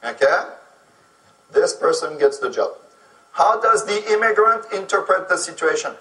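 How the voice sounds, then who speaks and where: A man's voice: high-pitched, lively intonation, normal speed, a bit bright, far from the mic. A man from France, a native French speaker, giving a lecture and often checking in with "okay?". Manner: explanatory, keeps asking "okay?". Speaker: speaker on immigrant employment. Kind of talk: lecture to an audience. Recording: echoey room, voice from off mic.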